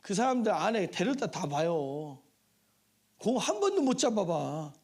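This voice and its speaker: A male pastor delivering a sermon in a church, his voice sitting high and swinging widely in pitch. He preaches in a loose, chatty way and keeps turning to the congregation with rhetorical questions. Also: a little slow. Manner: lively and conversational, with rhetorical questions and asides to the congregation. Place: church sanctuary.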